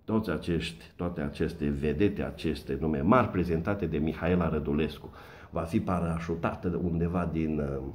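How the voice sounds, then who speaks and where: Deep-voiced man delivering mocking satire. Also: a little mellow. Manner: mocking, sarcastic, punning. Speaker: satirical commentator. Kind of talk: satirical comedy monologue.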